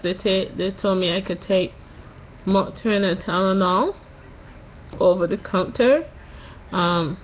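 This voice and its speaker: A woman in her late twenties giving a casual personal update in a halting way, a little tired and recovering from tonsil surgery that morning. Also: medium pitch, lo-fi sound, a little hiss or hum. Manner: slow, halting delivery with long pauses. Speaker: vlogger.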